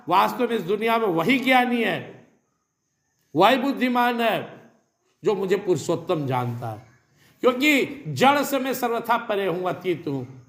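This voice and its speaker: A man's voice: sits high, a bit bright, echoey room. A man giving a spiritual sermon, reciting Sanskrit verses and explaining them with rhetorical questions and repetition. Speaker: spiritual teacher.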